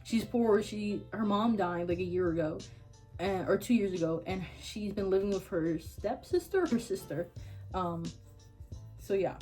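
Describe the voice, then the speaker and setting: A woman's voice: medium pitch, normal speed, warm tone, faint music behind. Rambling young woman reviewing books. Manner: rambling, full of fillers and restarts. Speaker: book vlogger. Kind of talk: casual book review chat.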